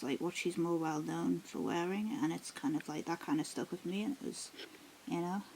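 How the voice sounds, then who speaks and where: Low gravelly woman rambling through a sketchbook. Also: rough recording. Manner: rambling, many ums and restarts; often drops to a half-whisper. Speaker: art vlogger. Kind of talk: casual sketchbook tour. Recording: steady background noise.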